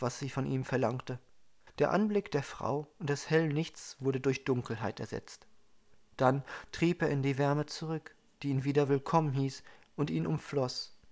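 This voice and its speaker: A man calmly narrating a science fiction audiobook in a steady storytelling manner. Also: medium pitch, gravelly. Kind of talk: scripted narration.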